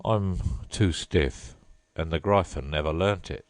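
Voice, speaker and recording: A melancholy male sea creature from a storybook, sighing through every line, as a man puts him on. He talks slowly and a touch louder than the narration. The recording is dry and close. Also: low-pitched, dry recording. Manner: mournful, slow and sighing.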